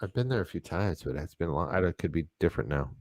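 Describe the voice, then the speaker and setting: Low-voiced man in casual podcast chat. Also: animated, racing, a little mellow, no echo. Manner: loose, rambling, jokey. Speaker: podcast co-host.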